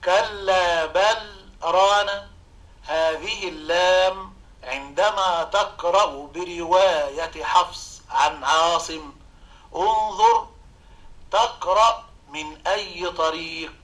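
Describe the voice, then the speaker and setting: Male recitation scholar: bright tone, unhurried explaining with chanted examples. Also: fairly high pitch, rough recording. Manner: measured, demonstrates chanted recitation.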